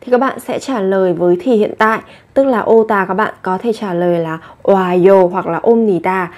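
A woman teaching a language lesson. She reads short model phrases briskly, then explains each one slowly and patiently. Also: medium pitch, darkish tone.

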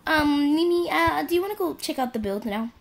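A woman's voice: high voice, lively intonation, a little fast, vocal fry. A woman hosting a casual, playful let's-play chat, giggling often as she talks. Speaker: gaming channel host.

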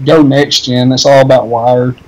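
A man's voice: medium pitch, little pitch movement, normal speed, poor audio. A man co-playing a let's play, firing off crude, goofy running gags at his friend. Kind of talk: casual gaming banter.

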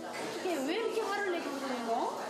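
A woman's voice: very high voice, very animated, over a noisy crowd. Scolding older woman in echoey room. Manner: scolding, rapid complaining. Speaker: mother-in-law. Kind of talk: heated family argument. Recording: echoey room with faint noise.

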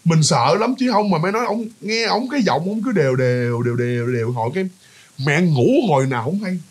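Fast, lively Southern Vietnamese man. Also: a little high. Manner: chatty, addresses listeners, many fillers and repeats. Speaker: storyteller. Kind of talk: casual ghost-story narration.

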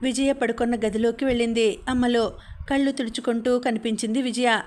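A woman narrating a novel as an audiobook reader, in a steady storytelling manner. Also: on the high side, fairly quick, a little hiss or hum. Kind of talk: scripted narration.

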